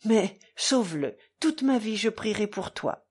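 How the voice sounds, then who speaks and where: A woman reading aloud plays a bitter young rival, venomous and contemptuous in her speech. The voice is husky and breathy, with the steady delivery of an audiobook. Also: mid-range voice, unhurried.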